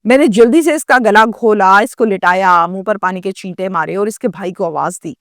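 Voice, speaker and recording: A woman's voice: mid-range voice, dry recording, studio quality. A woman narrating a true story in the first person, dramatic and acting out the quoted dialogue.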